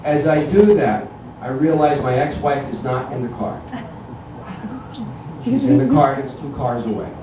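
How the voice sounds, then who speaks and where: Onstage before a live audience, a middle-aged comedian spins a comic story in a mid-range, very animated voice, halting, conversational, exasperated and self-mocking by turns. The room echoes, the mic is far off, and background noise is clearly audible.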